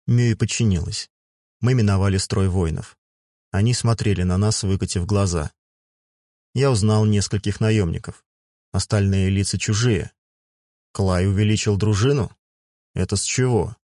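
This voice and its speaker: A man reads a first-person fantasy audiobook in a measured, even manner. His voice sits low. The recording is dry and close, with no room sound. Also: dry recording. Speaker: audiobook narrator.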